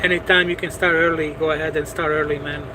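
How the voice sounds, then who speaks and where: A man's voice: on the high side, flat delivery, fast, background noise. A man, a truck driver chatting casually with his livestream viewers and circling back over his words with many "you know"s. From Bosnia. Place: parked truck at a truck stop.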